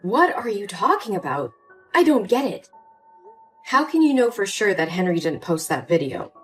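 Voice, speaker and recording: A woman's voice: medium pitch, very animated, normal speed, natural voice. A woman voicing an emotional young daughter pleading with her mother in a story drama, with faint music behind. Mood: upset.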